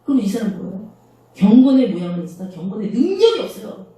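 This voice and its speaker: A woman's voice: medium pitch, very animated, fast, warm tone. A woman pastor preaching a sermon in a small church, talking conversationally and asking the congregation rhetorical questions. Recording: very echoey room, voice from far off.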